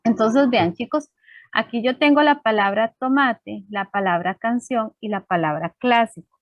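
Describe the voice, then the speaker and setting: A woman teaching an online class, talking patiently and explaining each step with plenty of fillers. Her voice sits a little high and sounds dry and close to the computer microphone, with no room echo. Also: unhurried, highs cut off. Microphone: computer microphone on a video call.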